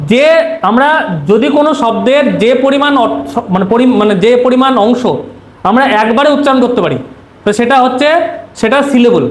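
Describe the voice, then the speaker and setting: A man teaching an exam-prep grammar lesson, posing questions and answering them himself. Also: very high-pitched. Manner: asks rhetorical questions then answers them; repeats key terms to drill them. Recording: roomy echo, faint noise.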